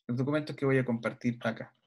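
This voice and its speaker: A man's voice: medium pitch, steady tone, fast talker. A man teaching an online class, explaining step by step and often checking in with his students, with some hesitant fillers. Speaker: university lecturer. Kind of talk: online lecture.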